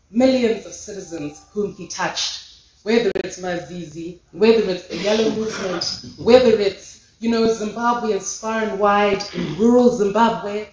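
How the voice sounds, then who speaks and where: A woman giving an impassioned memorial tribute speech at a podium in a large lecture hall. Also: mid-range voice. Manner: impassioned, rhetorical, rising in force. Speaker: memorial speaker. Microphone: podium microphone.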